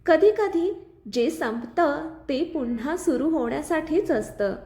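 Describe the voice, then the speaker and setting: A woman voicing an anxious young female assistant who speaks softly in a spoken story. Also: high voice, expressive, takes it slowly, echoey room, voice pushed up, full character voice. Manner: soft, anxious.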